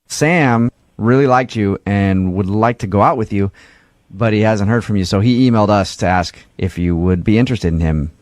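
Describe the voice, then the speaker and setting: A man's voice: on the low side, moderate pace, no room sound. A man hosting a morning radio show, teasing callers in playful banter.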